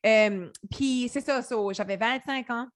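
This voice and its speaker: A woman in her thirties with an Acadian French accent, a podcast guest chatting quickly and animatedly, slipping English words in. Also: a little high, no room sound. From Acadia, New Brunswick. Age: 30s. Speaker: podcast guest, business founder. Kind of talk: casual interview chat.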